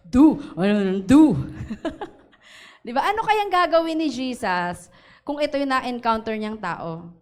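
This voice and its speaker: A woman pastor preaching at a church service, with a voice set a little high. Her tone is smooth and resonant. She keeps checking in with the congregation through quick tag questions and easy laughs, sliding between Tagalog and English. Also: very animated, a little mellow. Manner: switches between Tagalog and English mid-sentence. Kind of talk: sermon.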